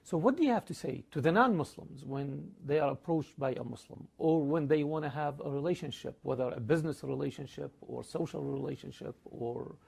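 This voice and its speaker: Give me a husky, gravelly man interviewing a guest. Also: fairly high pitch, a little fast, hardly any pauses, a little mellow. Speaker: interviewer host. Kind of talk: interview questions.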